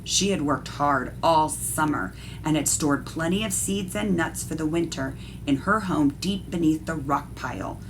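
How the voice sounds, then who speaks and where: Reading a picture book a little slowly, a woman art teacher uses her deep voice expressively and explains details straight to the children listening. The recording is rough, with slight background noise.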